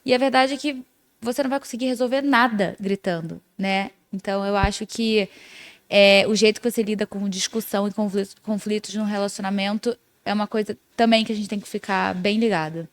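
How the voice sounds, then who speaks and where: A woman's voice: medium pitch, fairly even intonation, fairly quick. A young woman with a Brazilian Portuguese accent co-hosting a podcast, talking in a reflective, agreeable casual way. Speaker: podcast co-host. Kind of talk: casual chat.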